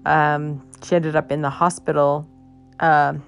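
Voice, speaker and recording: A woman host telling a personal story in a casual, halting way, her voice worn as if she is losing it. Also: low-pitched, level tone, creaky, soft background music. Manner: halting, many fillers and restarts. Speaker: podcast host.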